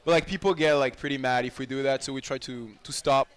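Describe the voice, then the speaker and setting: A young man speaks English with a clear French accent, his first language showing in the phrasing. He answers interview questions in a relaxed, animated way and laughs easily. The talk is unscripted and conversational. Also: medium pitch, fast. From France. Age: young adult. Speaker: college volleyball player guest. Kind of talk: casual interview chat. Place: restaurant livestream.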